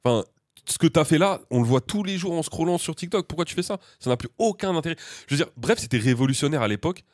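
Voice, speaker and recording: A man from France co-hosting a podcast, rattling off slangy jokes and blunt opinions at a rapid clip. His voice sounds close and dry, with no room around it. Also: on the high side, animated, no room sound. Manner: slangy, joking, quick-fire opinions. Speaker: podcast co-host. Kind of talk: casual chat.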